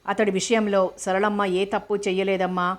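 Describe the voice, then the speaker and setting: A woman voicing a loyal, devoted housemaid who speaks softly and respectfully. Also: medium pitch, flat delivery, normal speed, natural voice. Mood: pleading. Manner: soft, respectful pleading.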